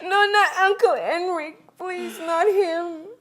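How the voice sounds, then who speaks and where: A woman's voice: very high-pitched, steady tone, slow. An actress playing a grieving young woman who cries and pleads over her uncle's death. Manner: tearful, pleading. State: crying.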